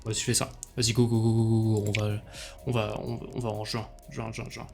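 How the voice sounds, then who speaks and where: Un homme qui commente un jeu en direct sur un ton vif et blagueur, avec beaucoup d'hésitations. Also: male voice, on the low side, brisk, creaky, music in the background. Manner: lively, joking, with many fillers. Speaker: streamer. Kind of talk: commenting a game live with jokes.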